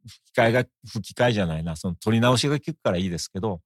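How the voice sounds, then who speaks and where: Low-voiced Osaka-accented man, dry sound. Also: expressive, very fast, dry recording. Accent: Osaka Japanese. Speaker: guest. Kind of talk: conversational interview.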